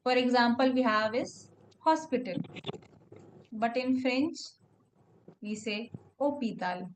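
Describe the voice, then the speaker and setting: A woman's voice: on the high side, takes it slowly, a little hiss or hum. A woman teaching French one-on-one, patiently spelling words out letter by letter and saying "okay" often. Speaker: French tutor. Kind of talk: one-on-one language lesson.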